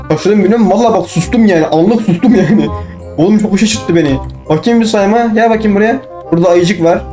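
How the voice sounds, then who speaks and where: A young man commenting on his own gameplay, excitable, talking to himself and bursting into shouts. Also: high-pitched. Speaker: gaming channel host.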